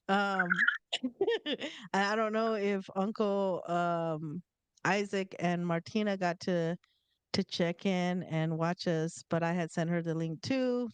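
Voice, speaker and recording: Slow-talking woman host, clear voice. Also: lowish voice, no room sound. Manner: relaxed, giggly, with fillers. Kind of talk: casual live interview.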